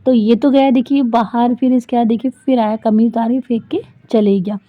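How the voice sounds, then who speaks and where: A woman's voice: a little high, steady tone, normal speed, no room sound. A woman in her thirties, a vlogger and homemaker, talking in a chatty, rambling way full of fillers as casual vlog voice-over. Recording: dry, thin phone-like sound.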